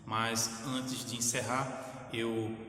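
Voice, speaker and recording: A pastor, a man, prays fervently, dropping "Senhor" and "ó Pai" between phrases. His voice sits at an ordinary pitch. It rings in a very echoey room with a long reverb tail. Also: normal speed, a bit bright, slight background noise. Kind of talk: closing prayer and announcements.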